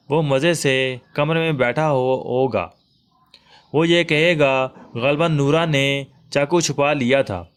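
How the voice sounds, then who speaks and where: A man's voice: fairly high pitch, clean tone. A man reading a moral story aloud in a dramatic, suspenseful narration style.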